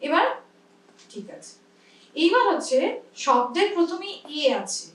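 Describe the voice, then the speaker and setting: A woman's voice: very high-pitched, expressive, unhurried, fairly bright tone. A woman with a Bengali accent teaching pronunciation in a workshop. She explains patiently and often checks that her students understand. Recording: echoey room, mic at a distance.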